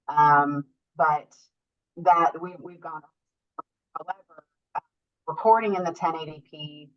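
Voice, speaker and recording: A woman teaching an online class over a group voice call, explaining step by step with many filler ums. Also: deep voice. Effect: heard over an online group voice call. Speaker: workshop instructor. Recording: dull lo-fi call audio.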